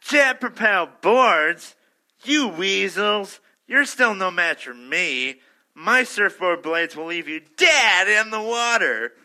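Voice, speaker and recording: A high, bright voice for a cocky surfing villain, cartoonish and murderous. The lines swoop with slow, theatrical menace, savoring every threat. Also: male voice, animated, exaggerated voice. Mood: taunting.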